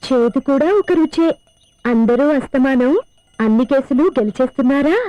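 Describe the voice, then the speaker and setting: Female actor as a teasing young woman lawyer, high voice, faint music behind. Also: no room sound, dull audio, close to an everyday voice. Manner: teasing, quick-witted. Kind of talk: film dialogue.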